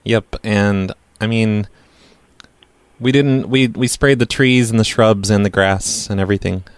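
A man improvises a prank call as a bumbling, nonchalant lawn care worker who offers no real apology, speaking hesitantly but bluntly. The dry recording captures his fairly low, steady, unhurried voice.

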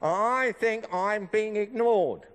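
A man voicing a squeaky male ventriloquist dummy telling corny jokes in a children's stage act. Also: takes it slowly. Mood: jokey. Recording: echoey stage hall with background noise.

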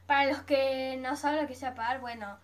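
A woman's voice: high-pitched, fairly even intonation, moderate pace. A teenage girl with an Argentine accent telling a personal story in a chatty vlog, dramatically acting out her own reactions. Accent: Argentine Spanish. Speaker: vlogger.

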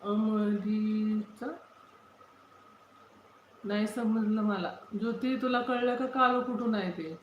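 Captured in dull, roomy lo-fi phone audio with slight background noise, a livestream host chats casually, reads comments from viewers, greets them by name, and asks her questions more than once. Her voice is a little high and her pace is normal.

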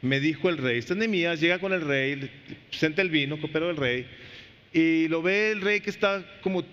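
A male pastor preaches with animated swings between hushed low phrases and loud, high bursts, asking the congregation questions as he goes. His voice sits fairly high for a man. The recording carries a long church reverb and a dull, lo-fi sound. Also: fairly quick, clear, resonant tone. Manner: talks directly to the congregation with rhetorical questions. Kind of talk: sermon. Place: church sanctuary.

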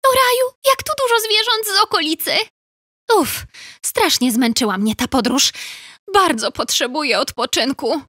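A fretful young beaver lady from a children's storybook, put on by a woman narrator. Her voice sits higher than the narration and breaks into exclamations and laments. The sound is dry and close. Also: animated, unhurried, fairly bright tone, slightly rough, no echo, exaggerated voice. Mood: relieved. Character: young female beaver, homely and easily upset. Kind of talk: storybook character voice.

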